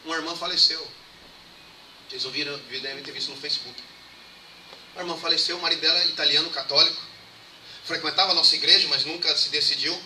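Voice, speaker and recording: A young man preaching as a pastor, telling stories in a lively way and acting out the dialogue. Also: a little high, fast talker, long pauses. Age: young adult. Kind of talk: storytelling sermon. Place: church. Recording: echoey church hall, mic far off, background noise.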